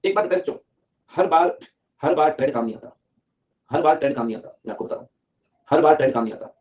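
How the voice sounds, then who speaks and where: A young man from Delhi teaching accounting in a lively lecture, acting out an auditor and a client in playful voices. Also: on the high side, fast. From Delhi, India. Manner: animated, acts out auditor and client in funny voices. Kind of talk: lively classroom lecture with acted skits. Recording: dull lo-fi recording.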